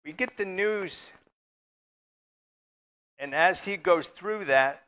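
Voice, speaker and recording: A man preaching to his church in a loose, conversational way, now and then joking with the people in the pews. His voice sits a little high and rings bright and forceful. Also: slow pace. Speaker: pastor. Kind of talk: sermon.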